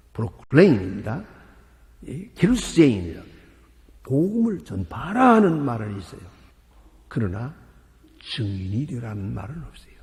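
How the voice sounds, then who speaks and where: An older man preaching a sermon as pastor, with a gravelly voice, acting out quoted dialogue and firing rhetorical questions. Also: medium pitch, dark tone, big-room sound.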